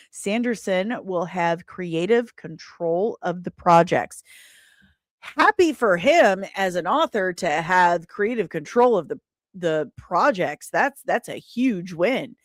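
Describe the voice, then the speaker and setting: A British livestream host and comic book writer chats casually, playfully and emphatically to her viewers. Her voice is on the low side and animated, yet slow-paced. The sound is clean studio audio with no room sound.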